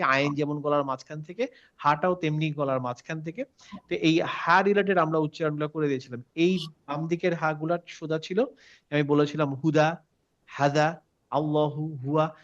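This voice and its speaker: A man's voice: a little high, moderate pace, a bit bright. A man teaching a recitation class online, patiently recapping and asking his students questions. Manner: patient, checks understanding with questions, mixes in English words. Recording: dull lo-fi call audio.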